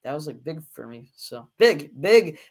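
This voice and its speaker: A man's voice: a little high, very animated, measured pace. A teenage boy co-hosting a casual podcast, rambling with lots of fillers and restarts. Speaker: podcast co-host. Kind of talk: casual chat.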